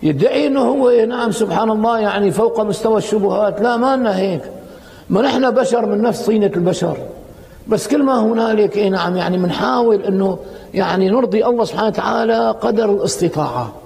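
A man with a Syrian accent giving a colloquial sermon, telling stories in a lively, conversational way. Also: high-pitched, fast talker, creaky. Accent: Syrian Arabic. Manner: lively, conversational, many fillers. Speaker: sheikh giving a lecture. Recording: reverberant hall with faint ambience.

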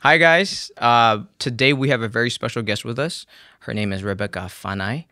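A man's voice: mid-range voice, bright, forceful tone, no echo, studio quality. A young man from Burma hosting a podcast, introducing his guest in a casual, filler-filled way. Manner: easygoing, fillers, quick asides. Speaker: podcast host. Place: small indoor studio set. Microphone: handheld microphone.

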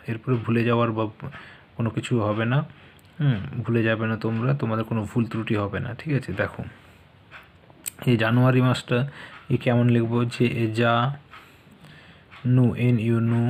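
A man teaching children, slowly spelling out words letter by letter. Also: mid-range voice, a little hiss or hum. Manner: slow, spells out letters one by one.

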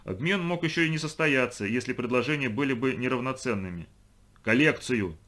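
A man reading a storybook aloud as narrator, expressive, lifting his voice for the children's lines. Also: mid-range voice, fast talker. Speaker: audiobook reader. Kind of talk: scripted narration.

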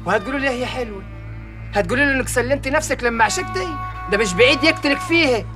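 Heartless egyptian cad, fairly high voice, rattles words off fast. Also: male voice, lively intonation, music in the background. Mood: scornful. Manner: scornful, dismissive. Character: callous young man who jilts his lover.

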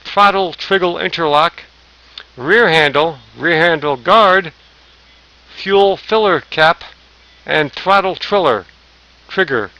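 A man's voice: on the high side, slow pace, pauses often, sharp tone, rough recording. A man narrating a safety training slideshow, reading lists aloud with small slips and restarts. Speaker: safety instructor.

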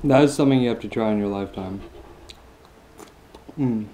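A man's voice: fairly low pitch, brisk, mellow, a little hiss or hum. A man in his twenties giving a casual mukbang tasting review, enthusiastic and chewing between lines with long mmm sounds. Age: 20s. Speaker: food vlogger.

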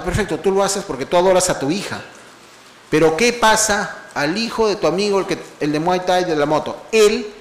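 A man lectures at a legal seminar in a fairly high voice, piling up rhetorical questions and long spoken lists. His delivery is animated. The sound carries the echo of a roomy lecture hall. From Peru.

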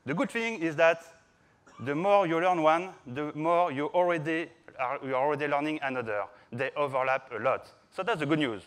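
On a large indoor conference hall stage, a French software developer in his thirties gives a playful, informal talk to an audience. His French-accented voice is a little high and a bit bright.

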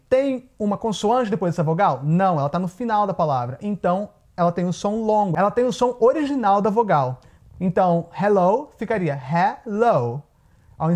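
A man's voice: high-pitched, a little mellow. A man, a native Portuguese speaker, teaches English vowel rules in a casual video lesson, explaining step by step and answering his own questions.

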